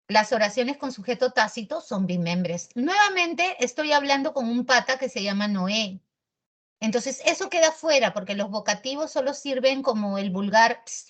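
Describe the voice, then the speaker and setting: A woman teaching an online grammar class in a lively, teasing, slangy way. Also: a little high.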